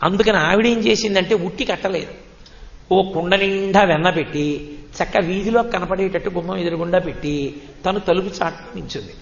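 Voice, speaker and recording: High-voiced man giving a devotional discourse. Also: normal speed. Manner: acts out characters, chants Sanskrit verses. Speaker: pravachan speaker. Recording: dull lo-fi recording in a reverberant hall.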